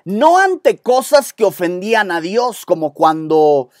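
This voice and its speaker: A man with a Mexican Spanish accent preaching a sermon with intensity, breaking off for quick asides to his congregation. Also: sits high, very animated, darkish tone, no room sound, studio quality. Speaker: pastor. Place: church set with stage lights.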